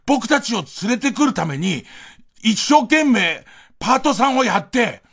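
A man putting on a boy of about ten who scolds his younger sister in a stern, lecturing tone. The voice is pushed high and swings widely as he tells her off. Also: very animated, unhurried, fairly bright tone, slightly rough, exaggerated voice. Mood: scolding.

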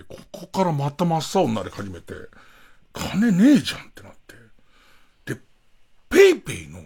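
A man's voice: high-pitched, vocal fry, a bit bright, breathy edge. A man hosting a late-night radio show, rambling through a comic anecdote and acting out the dialogue. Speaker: radio host. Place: radio studio.

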